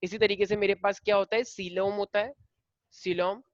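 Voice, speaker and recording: A man's voice: high-pitched, fairly even intonation, moderate pace, no echo. Dry lo-fi male classroom teacher. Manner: mixes Hindi and English, quizzes students, affectionate. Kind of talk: classroom lecture. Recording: dull lo-fi dry sound.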